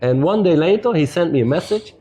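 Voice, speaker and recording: A man telling stories as a podcast guest in loose, non-native English with many "you know"s, relaxed and upbeat. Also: a little high, brisk, husky, faint music behind. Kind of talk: casual storytelling conversation.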